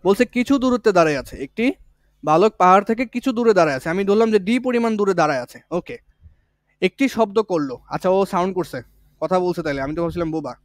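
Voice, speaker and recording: A man's voice: high-pitched, fast, no echo, clean studio sound. A man teaching physics in for exam prep, explaining step by step and repeating the key points in a casual, colloquial way. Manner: colloquial, with village words. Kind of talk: online exam-prep lesson.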